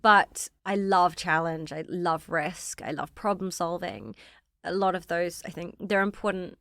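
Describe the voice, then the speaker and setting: New Zealand woman, smooth low voice. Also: steady tone, measured pace, a bit bright, no echo, studio quality. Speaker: guest, fashion founder. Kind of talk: casual interview storytelling.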